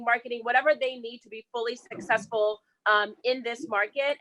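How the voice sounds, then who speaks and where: Higher-voiced woman on a panel. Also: fairly bright tone, poor audio. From Zimbabwe. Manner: casual, conversational, with fillers. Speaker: shop founder. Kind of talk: online panel talk. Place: inside her shop during a thunderstorm.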